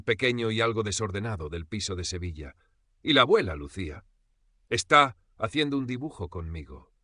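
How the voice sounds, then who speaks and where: A man's voice: fairly low pitch, bright, forceful tone, no echo, studio quality. An older man with a Spain Spanish accent, narrating a first-person audiobook story in a dramatic, tense way.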